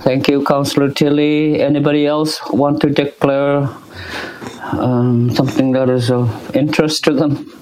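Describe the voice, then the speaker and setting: Even-toned man chairing a meeting. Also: medium pitch, moderate pace, rough recording. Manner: procedural, matter-of-fact. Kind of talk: formal meeting procedure. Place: city council meeting room.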